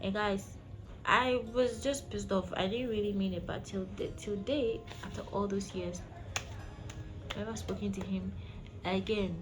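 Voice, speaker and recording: Unhurried and fairly even in intonation, a medium-pitched woman speaks over background music. As a vlog host, she tells listeners a personal story in a casual, emphatic manner.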